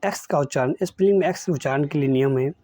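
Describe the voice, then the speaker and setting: A man's voice: a little high, rapid-fire, warm tone. A man teaching English spelling and pronunciation rules, explaining each rule and then reading out example words one by one. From India.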